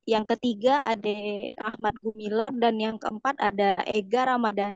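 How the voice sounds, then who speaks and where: A woman's voice: medium pitch, dry recording, muffled recording. Woman on a choppy online call. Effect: choppy audio that keeps breaking up. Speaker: co-host reading out winners. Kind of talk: online talk session announcement.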